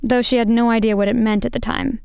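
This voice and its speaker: A woman's voice: a little high, level tone, fast talker, creaky, a little mellow, clear, resonant tone, dry recording, clean studio sound. A woman reporting on a podcast in scripted documentary narration.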